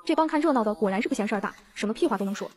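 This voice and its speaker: Rapid-fire woman reading a novel. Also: medium pitch, animated, a little mellow, slightly rough. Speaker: audiobook narrator. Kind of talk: first-person novel reading.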